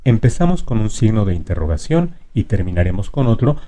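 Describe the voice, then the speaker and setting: A man teaching a grammar lesson, explaining rules clearly and reading his example sentences out slowly. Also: lowish voice, very animated, dark tone.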